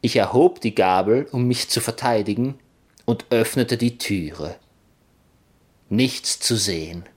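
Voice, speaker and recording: A man reading a children's adventure story aloud in first person, with expressive, playful delivery. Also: medium pitch, slow pace. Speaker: narrator.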